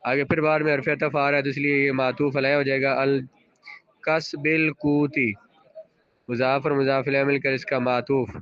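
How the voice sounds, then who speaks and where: A man's voice: mid-range voice, little pitch movement, clean tone, dry recording, dull audio. A male teacher giving a classroom grammar lesson, parsing sentences aloud and patiently quizzing students and repeating their answers.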